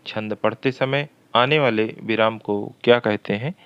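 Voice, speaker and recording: A man's voice: fairly low pitch, smooth, dull audio. A man teaching a Hindi grammar lesson for exam preparation, reading each question twice and working through it step by step. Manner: slow and methodical, repeats questions aloud.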